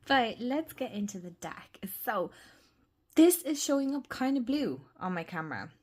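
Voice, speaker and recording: A woman chatting casually through a tarot deck review at her desk. Her voice is worn from illness, and she gushes and often drops into soft whispers. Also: fairly high pitch, sing-song, normal speed.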